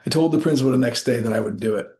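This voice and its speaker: A man gives a rehearsed motivational speech as a storyteller, using short, deliberate phrases and dramatic pauses. He has a mid-range voice with a dark tone.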